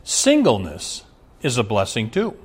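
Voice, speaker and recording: A middle-aged pastor preaches with plain, earnest conviction. His voice sits at an ordinary male pitch and climbs in force when he turns to call on the fathers in the congregation. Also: wildly swooping pitch, measured pace, slightly rough. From Omaha, USA. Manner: earnest, direct address to fathers, rising emphasis. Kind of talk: sermon.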